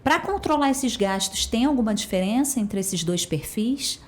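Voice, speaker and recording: A woman's voice: a little high, lively intonation, moderate pace. A woman hosting a casual chat, asking questions and chiming in with short agreements. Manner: asks questions, brief agreeing interjections. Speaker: host.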